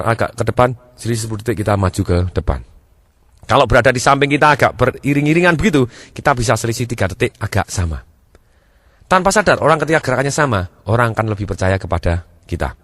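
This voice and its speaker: A man's voice: fairly bright tone, no room sound. A man giving a sales training lesson, acting out examples and shifting his delivery to demonstrate. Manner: demonstrative, acts out examples, shifts pitch and pace to show.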